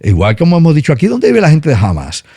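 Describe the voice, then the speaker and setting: A man's voice: a little high, huge pitch swings, fast, mellow, slightly rough, no room sound, studio quality. A middle-aged Puerto Rican man with a Puerto Rican accent, explaining world politics in a casual, emphatic talk-show style. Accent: Puerto Rican Spanish. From Puerto Rico. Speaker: news commentator.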